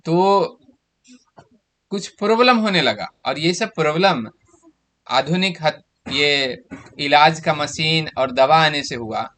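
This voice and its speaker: A teacher in his 30s explains exam answers step by step, drawing students in by asking them questions. His voice is on the high side, pushed and bright.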